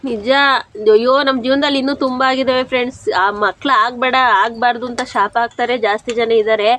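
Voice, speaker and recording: Chatty village woman, higher voice. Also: steady tone, normal speed, a bit bright. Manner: chatty, frank, teasing. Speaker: village vlogger. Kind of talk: casual talk to viewers while cooking.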